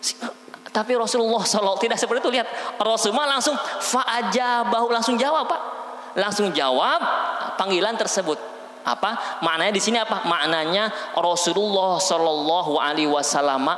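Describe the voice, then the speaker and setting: Animated Sundanese-accented male preacher. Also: high voice. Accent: Sundanese-inflected Indonesian. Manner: animated storyteller, acts out scenes. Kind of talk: sermon. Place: mosque. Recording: reverberant mosque hall.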